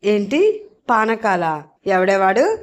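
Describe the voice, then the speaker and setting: A woman's voice: a little high, a little slow, a little mellow, natural voice. A woman voicing a scared, henpecked husband who pleads in a tearful voice. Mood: timid, pleading.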